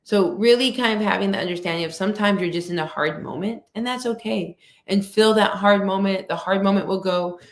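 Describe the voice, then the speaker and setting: Woman speaking steadily in an echoey room. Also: mid-range voice. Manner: steady, measured delivery; emphatic, rhetorical "right?". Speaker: guest speaker. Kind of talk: conversational interview answer. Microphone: video call.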